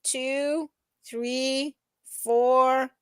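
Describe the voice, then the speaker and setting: Chatty woman co-hosting, higher voice. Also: fairly even intonation, extremely slow, clean tone, dry recording, clean studio sound. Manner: chatty, self-deprecating, narrates what she is doing. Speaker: co-host. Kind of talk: casual chat.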